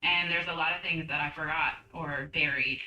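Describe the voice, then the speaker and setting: A woman's voice: deep voice, fairly even intonation, normal speed, pushed and bright, recorded from a distance. Woman interviewee, former chef, candid and tense; echoey room, mic set back. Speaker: former personal chef giving testimony. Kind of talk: documentary interview testimony.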